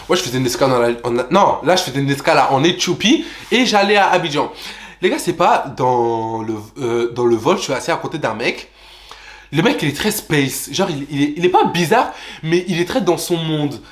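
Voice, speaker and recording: A young man telling a personal travel story to his viewers in an animated vlog style, talking straight to them and jumping into high voices to act out what people said. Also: brisk. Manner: animated, addresses viewers as "les gars", jumps into high voices for quotes. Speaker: vlogger.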